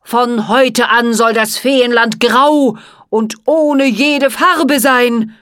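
Woman reader doing a raging storybook ice wizard: loud, cutting, high, dragged-out curses, dry recording. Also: fairly even intonation, drawn-out words, no room sound. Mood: furious. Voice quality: cutting, shouting. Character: furious menacing male ice wizard.

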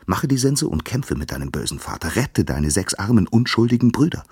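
A worried mother goddess pleading for her children, put on by a man reading aloud. The voice climbs above his own, husky and animated, close and dry. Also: on the low side, a little fast, no room sound, pitched above the performer's own voice. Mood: urging. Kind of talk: storybook narration.

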